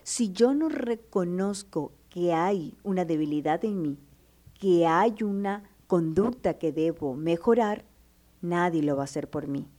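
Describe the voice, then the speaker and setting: A woman's voice: on the low side, a little slow, warm tone. A woman giving motivational advice to her listener. She talks with affection, calls the listener "my love", and stresses her points with feeling. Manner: emphatic, acts out listener's inner doubts. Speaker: advice speaker.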